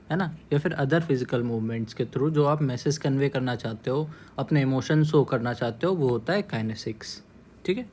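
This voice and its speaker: A man's voice: mid-range voice, a little mellow, slight background noise. A male coaching teacher giving a casual lecture, explaining step by step, mixing English terms into his talk and checking in with "है ना?" after nearly every phrase. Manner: mixes English terms into Hindi.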